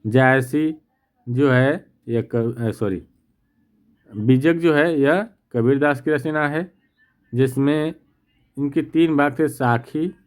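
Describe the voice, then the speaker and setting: Slow, methodical man teaching a quiz lesson. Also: mid-range voice. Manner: slow, methodical, reads options aloud; repeats "theek na" to check. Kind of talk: exam practice lesson.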